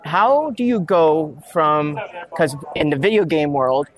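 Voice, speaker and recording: A man's voice: a little high, expressive, slow. A man hosting an interview at a gaming convention, rambling casually and jumping between topics with frequent restarts. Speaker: podcast host, interviewer.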